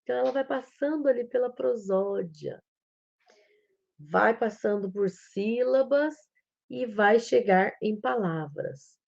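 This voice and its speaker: A woman with a Brazilian Portuguese accent, a psychomotricity educator, gives a live-streamed talk in a slightly high, gravelly, somewhat mellow voice with lively intonation. She explains things slowly, step by step, and acts out how a child talks. The audio sounds dull.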